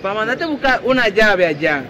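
High-pitched Dominican man, Caribbean Spanish. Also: expressive, a little fast, bright, forceful tone. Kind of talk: casual explaining. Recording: noisy outdoor background with traffic.

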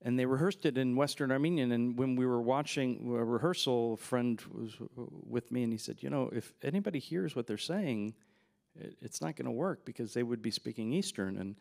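On a festival stage in front of a backdrop, a man in his forties speaks with a mid-range voice and noticeable vocal fry. He's a filmmaker guest at a Q&A, holding a handheld mic and easing through rambling anecdotes with plenty of fillers and laughter.

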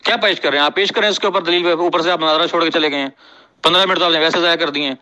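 A man delivers a recorded debate reply, pressing the same challenge again and again. His voice is fairly high and strikingly bright and cutting. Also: steady tone, rough recording. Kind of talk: recorded religious debate message.

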